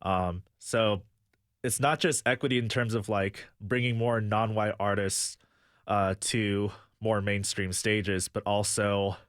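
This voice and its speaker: A young American man, a music booker, appears as a guest on a radio talk show, answering earnestly and thinking aloud with many fillers. His lowish voice is smooth and steady and his pace slow. The studio sound is clean, with no room sound.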